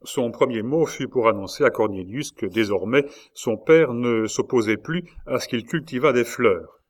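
Un homme lit à voix haute un roman classique, avec un ton posé et expressif. Sa voix a une hauteur moyenne et un débit régulier de narrateur. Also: male voice, mid-range voice, moderate pace. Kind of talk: audiobook reading of a classic novel.

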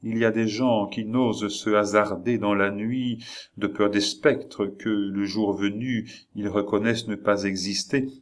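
A melancholy queen, voiced by a male reader, pleads with a loyal nobleman in an audiobook of a classic novel. Her words come slow and low, weighed down with sorrow and gentle entreaty, yet steady. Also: natural voice. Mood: pleading. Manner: sorrowful, imploring reading. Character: melancholy pleading queen, woman, middle-aged.

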